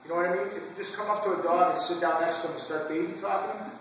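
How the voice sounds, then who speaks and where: A quick-talking man coaches a dog owner through a hands-on training lesson, giving steady step-by-step directions. He is caught on a phone camera from some distance away, so his voice sounds thin and roomy against a strong echo, with steady background noise. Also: sits high. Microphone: phone camera held away.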